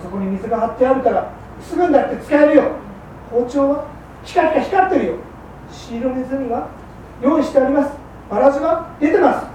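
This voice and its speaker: A woman's voice: high voice, expressive, warm tone, voice pushed up. A woman playing a patient, shrewd fishmonger's wife who coaxes and scolds in old Edo speech. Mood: encouraging. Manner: coaxing, reproachful, brisk. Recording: roomy hall from far off, faint hum.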